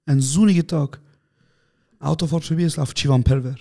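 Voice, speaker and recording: A man's voice: fairly high pitch, steady tone, a little fast, gravelly, dark tone. Slangy young-sounding man telling stories. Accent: Swiss German. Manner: slangy storytelling, acts out quotes, laughs a lot. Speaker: podcast co-host. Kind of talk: casual chat.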